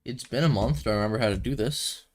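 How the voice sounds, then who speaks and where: A young gaming streamer, a little stuffy from a cold, talks fast in a mid-range, darkish voice while playing a building game. He thinks aloud at his desk microphone, giving rambling, casual gameplay commentary.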